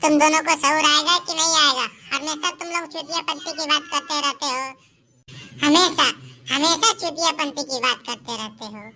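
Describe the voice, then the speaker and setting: A woman voicing a sharp-tongued young girl who scolds two boys in a shrill, fed-up way. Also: moderate pace, slight background noise. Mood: scolding.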